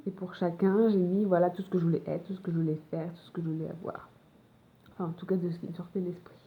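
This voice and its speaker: A young Frenchwoman from France, with a French accent, chats casually to camera from her home in Montreal, hesitating with many fillers and restarts. She is a vlogger with a lowish, fairly monotone voice who talks fast. The audio sounds phone-quality, with a little hiss or hum.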